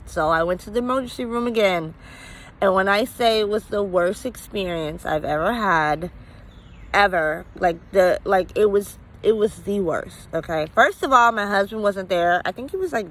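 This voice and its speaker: A woman's voice: mid-range voice, lively intonation, moderate pace, a little hiss or hum. Candid woman telling a personal story. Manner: candid, conversational, many fillers. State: emotional, near tears at times. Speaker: vlogger.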